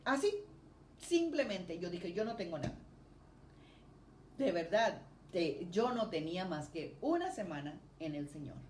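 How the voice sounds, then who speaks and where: A middle-aged woman preaching a lively sermon of personal testimony, her phrases rising in emphasis. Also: on the low side, a little slow. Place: church. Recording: roomy church echo, faint noise.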